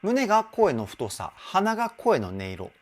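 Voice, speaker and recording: A man working as a vocal trainer, giving enthusiastic vocal analysis commentary and explaining clearly, with a song playing faintly behind him. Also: sits high, wildly swooping pitch, a little slow. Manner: enthusiastic, explains with sung demonstrations.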